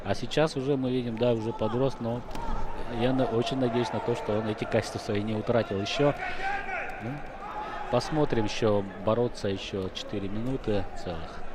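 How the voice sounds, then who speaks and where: Male sports commentator, mid-pitched, chatty and analytical, with loud arena noise behind him. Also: fairly even intonation, a little fast. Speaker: wrestling commentator. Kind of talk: conversational live sports commentary. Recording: noisy sports hall broadcast.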